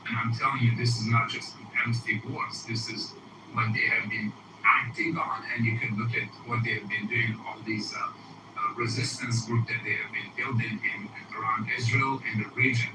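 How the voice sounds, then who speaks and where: A man's voice: mid-range voice, flat delivery, normal speed. Earnest Iranian-accented male caller. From Iran. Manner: earnest, hesitant, many ums and uhs. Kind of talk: political call-in talk. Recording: roomy and distant with noticeable hiss.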